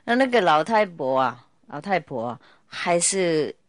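A woman spiritual teacher giving a relaxed, playful talk to her students and telling stories, laughing often. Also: lowish voice, a little slow, dry recording, studio quality. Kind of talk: casual spiritual talk with storytelling.

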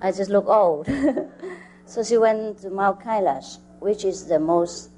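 Slow and mid-range, with a dark tone, the voice belongs to a middle-aged spiritual teacher from Vietnam telling stories to a meditation group. She is chatty, often laughs and asks her listeners questions, with faint music behind her.

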